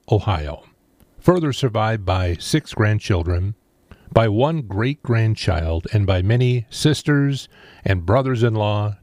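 A man reading scripted funeral notices as a radio announcer, formal, measured and deliberate. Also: deep voice, darkish tone, no room sound.

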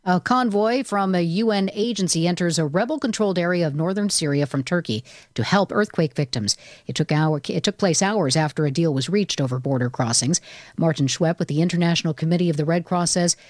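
Low-voiced woman anchoring radio news. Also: fairly quick, a little mellow, no room sound, clean studio sound. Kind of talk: scripted radio news bulletin.

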